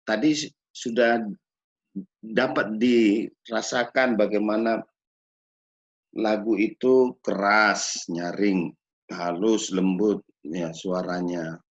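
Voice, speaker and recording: A man gives a measured lecture on children's music education, pausing to ask rhetorical questions. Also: lowish voice, steady tone. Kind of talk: recorded lecture. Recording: dull lo-fi recording.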